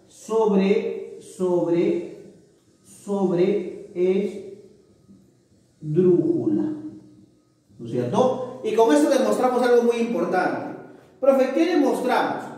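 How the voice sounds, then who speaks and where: A man's voice: high voice, a little mellow, far from the mic. A male teacher explaining a grammar lesson patiently, often checking with his students by asking if they follow. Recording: echoey room, voice from off-mic.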